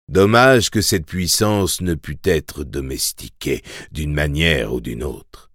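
A man reading a novel aloud in measured, steady scripted narration. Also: low-pitched, no room sound, studio quality. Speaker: audiobook narrator.

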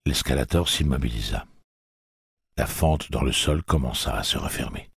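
Male audiobook narrator, very deep, husky, dry close-mic sound. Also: lively intonation, fairly bright tone, no echo. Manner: low, measured, dramatic reading. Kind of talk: scripted narration.

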